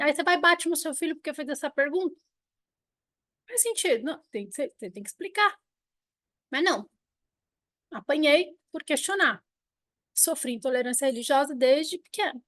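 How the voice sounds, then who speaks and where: A Brazilian woman in her forties with a Brazilian Portuguese accent, teaching a live online lesson with personal stories and an animated, talkative manner. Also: high-pitched, no room sound, studio quality. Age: 40s. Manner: animated, talkative, frequent restarts and laughs.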